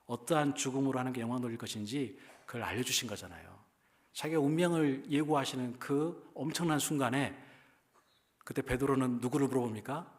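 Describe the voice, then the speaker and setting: A man's voice: mid-range voice, brisk. A male pastor from the Jeolla region of Korea with a Jeolla accent, preaching a sermon in a conversational way and often putting questions to the congregation. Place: church.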